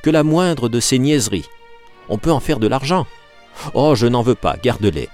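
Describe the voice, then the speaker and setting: A man's voice: fairly low pitch, very animated, measured pace, darkish tone, soft background music, voice pushed up. A man reading an audiobook, voicing a desperate young woman who reproaches and pleads with passion. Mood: bitter, reproachful. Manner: impassioned, reproachful.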